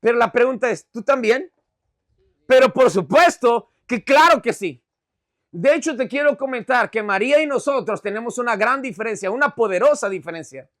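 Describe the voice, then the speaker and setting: Brief: male pastor, high pitch, forceful and animated sermon delivery. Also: moderate pace. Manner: animated, conversational preaching with frequent check-ins.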